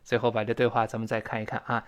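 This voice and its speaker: A man teaching an audio English lesson. He explains pronunciation step by step, slows right down to drill sample phrases, and acts out both sides of a short dialogue. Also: fairly low pitch, little pitch movement, clean tone, highs cut off. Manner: explains slowly, drawls sample phrases to show linking sounds.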